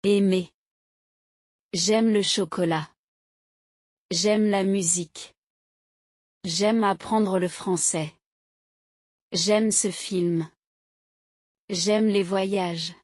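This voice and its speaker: A woman reads short example sentences one at a time at a very slow, deliberate pace. Her delivery is steady and carefully articulated. She is recorded close and dry, with no room sound around her. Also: mid-range voice, dry recording. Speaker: language teacher reading example sentences.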